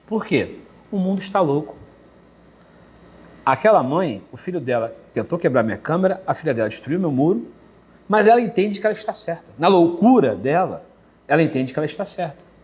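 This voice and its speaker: A Brazilian man with a Brazilian Portuguese accent preaches with lively, animated energy, telling vivid stories from his own life. His voice sits fairly high for a man, and he brightens it further when he acts out quoted lines. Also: brisk, husky. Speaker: pastor. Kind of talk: sermon.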